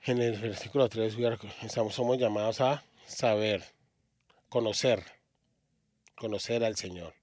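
A man from Australia preaching a sermon in a church, halting often and restarting his words. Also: fairly low pitch, fairly even intonation, a little mellow, no room sound.

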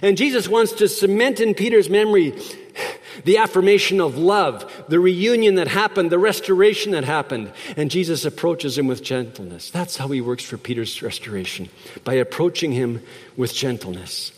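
A man's voice: fairly high pitch, animated, moderate pace. Reflective pastor, man, echoing hall. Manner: reflective, asks rhetorical questions. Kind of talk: sermon. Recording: long reverb of a large hall.

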